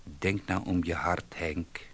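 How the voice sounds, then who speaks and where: A gentle, frail old grandmother, anxious and careful, speaking in a soft, hushed way, as a man reads her lines. Her voice sits low and creaky, and she talks slowly. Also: animated. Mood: sad.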